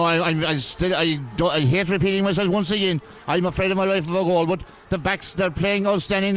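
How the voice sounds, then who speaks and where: A man with a fairly high voice offers analysis beside the main commentator. He hesitates, restarts and repeats himself as he makes his points. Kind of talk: match analysis.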